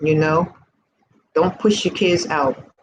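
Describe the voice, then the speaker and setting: Taking it slowly in a voice that sits low, a woman in her early sixties urges viewers on in matters of faith. Her informal vlog has the fervent, repetitive tone of a preacher's exhortation, recorded over noisy background hiss.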